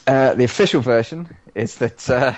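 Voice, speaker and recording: A man's voice: mid-range voice, normal speed, darkish tone, dry recording, muffled recording. A man co-hosting a podcast, chatting casually with swearing and sarcasm. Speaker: podcast co-host.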